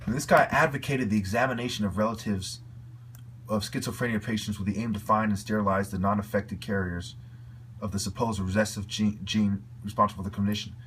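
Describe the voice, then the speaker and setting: A man's voice: fairly low pitch, steady tone, brisk, fairly bright tone, slight background noise. A man giving an angry, profane video rant, heated and repetitive in his delivery. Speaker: video commentator.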